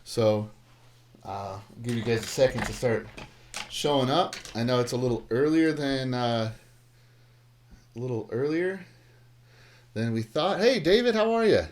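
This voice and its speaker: A man's voice: mid-range voice, measured pace, pauses often, a little mellow. A middle-aged man, a math teacher, talking casually and playfully through a live-streamed lesson in a classroom, with lots of fillers and asides. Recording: roomy live stream with faint noise.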